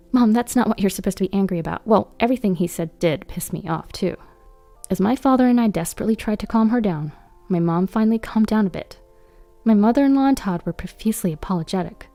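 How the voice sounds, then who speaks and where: A woman narrating a scripted story in a steady, even reading voice. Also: mid-range voice.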